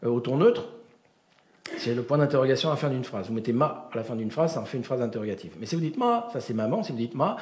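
A middle-aged man giving a comic storytelling lecture, animated and full of imitated voices and sounds, with many restarts. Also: mid-range voice, quick pace, reverberant. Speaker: performer of a gesticulated lecture.

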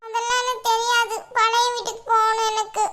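A woman's voice: very high voice, completely flat delivery, fairly quick, a bit bright. A woman voicing a stubborn little girl in a cartoon, whiny and insistent. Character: stubborn little girl who cries easily. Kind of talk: cartoon voice acting.

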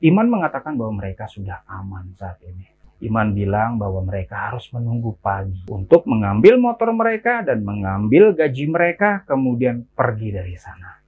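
A man narrating a horror story in a relaxed, conversational way, now and then calling out to his listeners. His pitch rises and falls a great deal as he tells it. The sound is narrow and phone-like, with a faint hiss behind. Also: normal speed. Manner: chatty, addresses listeners directly. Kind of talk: casual spoken horror storytelling.

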